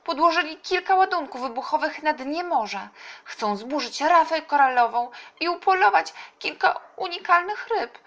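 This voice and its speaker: A woman voicing a frightened dolphin who pleads loudly for help in a storybook reading. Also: lively intonation, normal speed. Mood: alarmed. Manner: urgent, high and loud calls.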